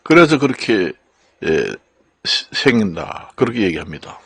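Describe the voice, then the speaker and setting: An older man from Gangwon Province giving an unscripted lecture as a channel host, slow and halting with many fillers and repeated words. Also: fairly low pitch, big pitch swings, a bit bright, husky, dry recording. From Gangwon Province, Korea. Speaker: channel host explaining law and Chinese characters.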